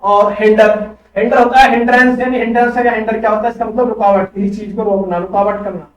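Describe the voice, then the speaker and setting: A man's voice: high voice, level tone, fast, lo-fi sound. A male teacher giving an online coaching class, asking quiz questions and answering them himself. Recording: echoey room, far from mic.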